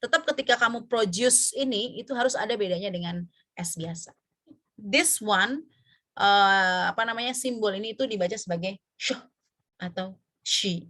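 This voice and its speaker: A woman with an Indonesian accent teaching an English pronunciation class, drawing out example words slowly and pausing with fillers. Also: mid-range voice, sharp tone. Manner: slow, drawn-out example words with many fillers. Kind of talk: online class lesson mixing Indonesian and English.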